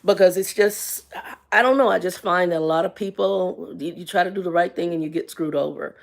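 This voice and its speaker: A woman's voice: lowish voice, fairly quick, vocal fry. A woman in her fifties telling a personal story on a casual livestream, candid and colloquial, with faith-based asides. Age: 50s. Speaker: livestream host.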